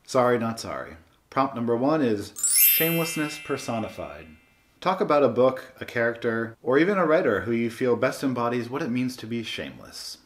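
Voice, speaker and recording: A man hosting a book channel, giving a scripted monologue in a wry, sardonic way. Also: mid-range voice. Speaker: booktube host.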